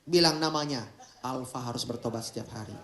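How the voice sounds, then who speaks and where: A man preaching an animated, humorous Sunday sermon, jumping between loud exclamations and hushed asides. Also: mid-range voice, a little fast. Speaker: pastor. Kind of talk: lively Pentecostal sermon. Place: large church hall. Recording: echoey church hall.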